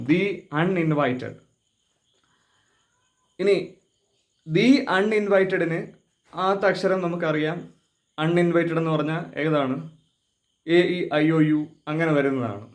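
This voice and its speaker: A man teaching English pronunciation, explaining step by step and often asking questions before giving the answer. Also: on the high side. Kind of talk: explaining lesson.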